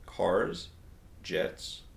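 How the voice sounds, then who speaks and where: A man hosting a streamed trivia game, reading out questions and multiple-choice answers in a slow, measured way. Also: roomy sound. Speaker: quiz host.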